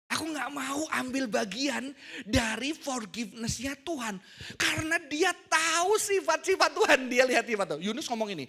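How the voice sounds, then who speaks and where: A man's voice: very high voice, pushed and bright. A middle-aged man preaching a casual, joking sermon to a youth service, mixing in English words.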